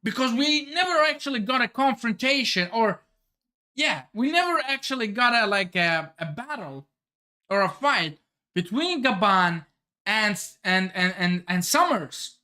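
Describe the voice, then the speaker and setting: Animated, unhurried man reacting excitedly. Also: sits high, clear, resonant tone. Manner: exclamatory, thinks aloud with restarts. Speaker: manga reaction host. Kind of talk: excited live reading reaction.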